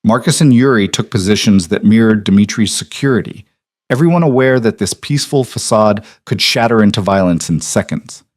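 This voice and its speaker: Man, story narrator, low voice, even scripted reading. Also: fairly quick, no echo, clean studio sound.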